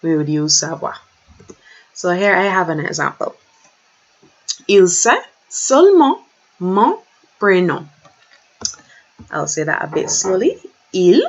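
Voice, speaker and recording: Slow patient lady teacher, lively up and down pitch, kinda dull lo-fi sound. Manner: slow, patient, repeats words for learners. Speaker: French teacher. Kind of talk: online language lesson. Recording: slightly dull lo-fi recording.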